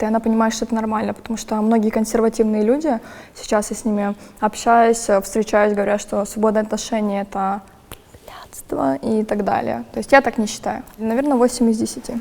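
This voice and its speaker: Fast-talking frank young woman, roomy echo. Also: fairly high pitch, vocal fry, a little mellow. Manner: frank, quick and chatty. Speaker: show guest rating blind dates. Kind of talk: casual chat.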